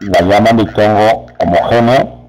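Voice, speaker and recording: A man teaching a spelling lesson to teachers, explaining slowly and speaking to them directly. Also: lowish voice, fairly even intonation, music in the background, poor audio. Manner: slow, deliberate, addresses teachers directly. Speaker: teacher trainer.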